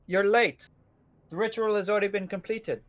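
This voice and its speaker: A man with a Dutch accent voicing a smug male cult leader who taunts calmly and politely. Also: high voice, normal speed, pitched above the performer's own voice, natural voice. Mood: taunting.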